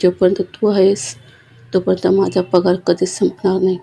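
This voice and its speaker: A woman reading a gentle, loving elderly father's lines in a storybook tale, in a tender voice. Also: on the low side, completely flat delivery, moderate pace, creaky, slight background noise.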